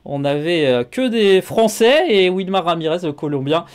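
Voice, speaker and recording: A man's voice: sits high, animated, moderate pace, smooth. A man hosting a sports show, chatting casually with many filler sounds and asking his guest questions. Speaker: show host.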